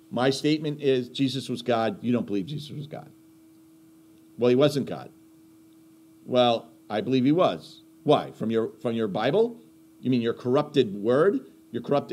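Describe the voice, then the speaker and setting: A man's voice: mid-range voice, darkish tone. A man gives a conversational sermon with a mid-range voice. He stresses his points hard, poses rhetorical questions and circles back to repeat key lines. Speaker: Bible teacher.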